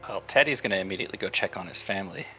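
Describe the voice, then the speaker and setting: A man in his thirties playing a tabletop game, making dry deadpan quips. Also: sits low, racing. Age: 30s. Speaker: player. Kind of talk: casual chat at a gaming table. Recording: dull lo-fi audio, faint music.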